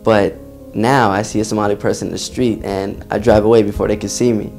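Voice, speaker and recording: A man's voice: fairly low pitch, little pitch movement, fairly quick, a little mellow, faint music behind. A man speaking playfully, joking in an interview. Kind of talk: interview testimonial.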